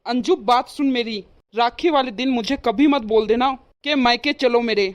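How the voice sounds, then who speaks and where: A woman voicing a teasing, short-tempered grown brother in a cartoon, in a fairly high voice. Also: moderate pace, close to an everyday voice. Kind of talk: cartoon voice acting.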